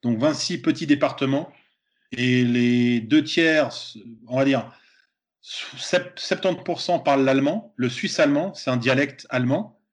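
Comedian guest, Swiss French man, hesitant, stumbling over words, mid pitch. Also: a little slow. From Switzerland. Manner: hesitant, many repeated words and fillers. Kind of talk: casual podcast chat.

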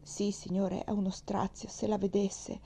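A woman's voice: medium pitch, little pitch movement, measured pace, creaky, dark tone, slightly rough. A woman voicing a young, tender-hearted maid who speaks earnestly and apologetically, close to tears, in a read-aloud storybook. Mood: distressed.

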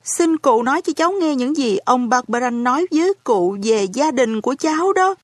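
A woman's voice: sits high, lively intonation, moderate pace, no echo, clean studio sound. A woman voicing an anxious orphan boy who pleads urgently in a raised voice. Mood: pleading, anxious. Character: anxious orphan boy searching for his family.

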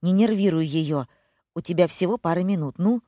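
A woman voicing a brisk young nurse who speaks curtly and pushes others to hurry. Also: fairly low pitch, dark tone, dry recording, clean studio sound, close to an everyday voice. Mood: impatient. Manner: curt, pushy. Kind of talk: audiobook character voice.

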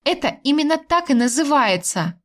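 A woman voicing an indignant young wife, sharp and sarcastic, who pleads with her husband. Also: on the high side, animated, moderate pace.

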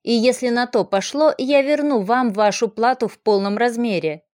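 Decisive caravan commander, read by a woman, firm and measured. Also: fairly high pitch, darkish tone, dry recording, studio quality, natural voice. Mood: resolute.

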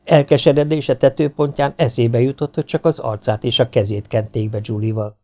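A man reading an audiobook aloud in a steady, even storytelling manner. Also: mid-range voice. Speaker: audiobook narrator. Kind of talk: amateur audiobook narration.

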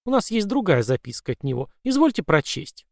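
A possessed mother who coaxes in a sweet, calm voice while hinting at menace, as a male narrator puts her on. Her speech is smooth and unhurried, on a dry, close recording. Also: sits high, no echo, heavily acted. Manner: sugary, calm, coaxing.

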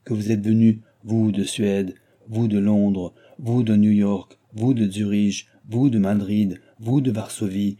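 A man's voice: on the low side, steady tone, measured pace, few pauses, mellow. A man reading an audiobook, voicing a haughty, commanding mysterious stranger who speaks with scorn. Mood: imperious. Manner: scornful, imperious.

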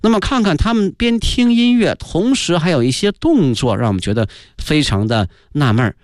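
Man, broadcast English lesson, animated rising and falling pitch, dry close sound. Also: moderate pace, dry recording. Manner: spells words out letter by letter and mixes English phrases into Chinese; ends many phrases with a chatty "ha" particle. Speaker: English teacher.

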